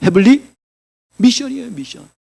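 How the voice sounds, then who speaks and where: A male pastor preaching a sermon in a church, asking the congregation rhetorical questions and swinging between loud declarations and quiet asides. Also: very high-pitched, lively intonation, normal speed, gravelly, slightly rough.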